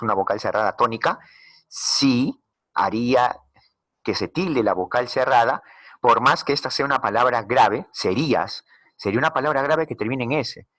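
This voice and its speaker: A man teaching a recorded slide lesson, patiently explaining and slowly repeating key words. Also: mid-range voice, fairly bright tone, no room sound.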